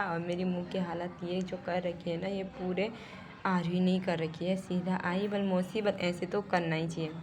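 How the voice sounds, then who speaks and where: A woman's voice: medium pitch, slight background noise. A woman in her twenties from Uttarakhand, India, narrating her vlog in a chatty voice-over and talking straight to viewers. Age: 20s. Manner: chatty, laughing at herself, talks straight to viewers. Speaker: vlogger.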